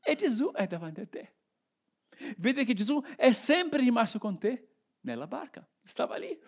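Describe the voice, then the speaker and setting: A man's voice: very high voice, very animated, normal speed, creaky. A man delivers a sermon in a reflective tone. He reads scripture aloud and then unpacks it, asking his listeners rhetorical questions as he goes. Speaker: preacher. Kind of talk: sermon with Bible reading.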